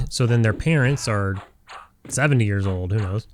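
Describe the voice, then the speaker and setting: This forties-aged streamer from Southern California plays a game while rambling casually, leaning on fillers and restarts. His lowish voice is animated yet measured in pace. A faint hiss or hum sits in the background.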